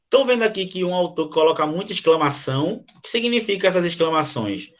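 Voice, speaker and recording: Brazilian male teacher, lively lecturing tone, reads verses aloud, fairly high voice. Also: fast talker. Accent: Brazilian Portuguese. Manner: animated, addresses students directly, reads verses aloud. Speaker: literature teacher. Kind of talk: online class explaining a poem.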